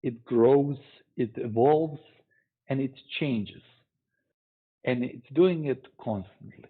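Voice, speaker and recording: A man giving a conference tech talk, speaking in a measured, deliberate way with pauses. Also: medium pitch, husky. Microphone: online talk stream. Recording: tinny phone-like online stream audio.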